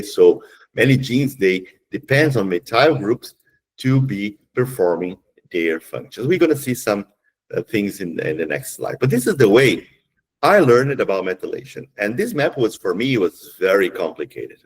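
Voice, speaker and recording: Lively-pitched middle-aged male lecturer. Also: slightly rough, low-quality recording. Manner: explanatory, checks understanding with frequent "okay?"; counts aloud with the audience. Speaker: geneticist giving a webinar. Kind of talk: webinar lecture.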